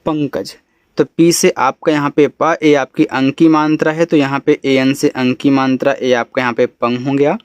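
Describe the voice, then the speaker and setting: A man's voice: mid-range voice, little pitch movement, normal speed, clear, resonant tone, no room sound, highs cut off. A man teaching spelling, explaining patiently letter by letter. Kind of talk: spelling lesson.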